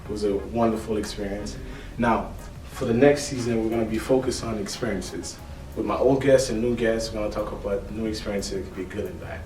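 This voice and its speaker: Male host, formal audience address, lowish voice, music bed, distant. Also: steady tone, a little fast, a little mellow. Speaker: show host. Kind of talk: season sign-off announcement. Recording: roomy, distant, music underneath.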